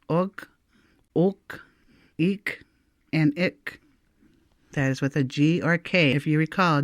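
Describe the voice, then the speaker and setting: A woman teaching a recorded language lesson, saying each word slowly and repeating it for learners to copy. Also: low-pitched, no room sound, studio quality.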